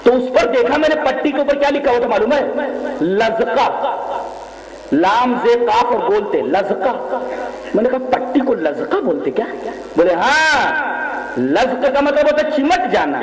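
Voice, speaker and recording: A man with a Pakistani Urdu accent preaching a lively sermon, reciting Arabic and explaining it. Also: very high voice, roomy sound, crowd noise, low-quality recording.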